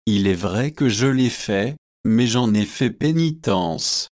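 A man's voice: fairly low pitch, animated, slow, a little mellow, no room sound, clean studio sound. A man reading out the earnest, pleading words of a dying monk in a devotional book.

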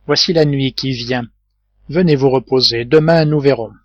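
A man doing an earnest gentle teen boy. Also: medium pitch, moderate pace, dry recording, highs cut off, close to an everyday voice.

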